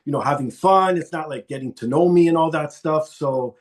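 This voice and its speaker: A middle-aged man from Toronto, Canada, guests on a podcast, talking casually and at length in a voice that's a little high and a little fast. He's chatty and self-deprecating, rambling somewhat and restarting sentences in this relaxed interview.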